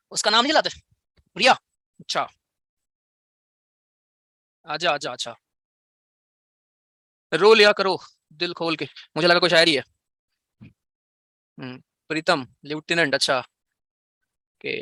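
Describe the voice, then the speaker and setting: A man's voice: fairly high pitch, a little slow, pauses often, bright, forceful tone, dry recording, clean studio sound. Playful man teaching a live online class. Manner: playful, teasing, bantering with students.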